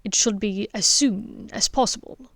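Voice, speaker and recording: In a dry recording, a woman voices a stern, precise male wizard, speaking slowly in a low, hushed tone.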